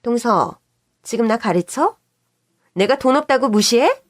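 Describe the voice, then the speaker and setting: A woman's voice: a little high, expressive, no room sound, clean studio sound. A woman voicing a pushy, scheming middle-aged sister-in-law who wheedles and snaps. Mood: angry. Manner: pushy, wheedling, quick to snap.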